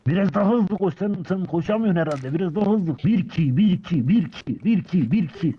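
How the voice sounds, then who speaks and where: A young man streaming a mobile battle game with random teammates, shouting quick repeated commands and joking with them. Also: high voice, animated, breathy edge, lo-fi sound. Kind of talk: excited gaming chat.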